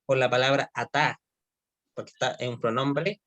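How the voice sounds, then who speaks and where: A man teaching Hebrew grammar in an online class. He speaks at an unhurried pace and keeps pausing to make sure his students are following. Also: mid-range voice, fairly even intonation, a bit bright. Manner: explains slowly, often checks with "¿ya?".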